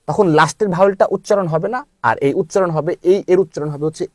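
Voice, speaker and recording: A man teaching English pronunciation, spelling out letters slowly before saying each word. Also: high voice, darkish tone, dry recording, studio quality. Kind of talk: slow spelled-out phonics lesson.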